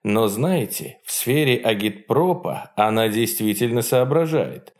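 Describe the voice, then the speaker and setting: A man's voice: medium pitch, expressive, unhurried. A man voicing a dry, faintly ironic male political leader in an audiobook reading.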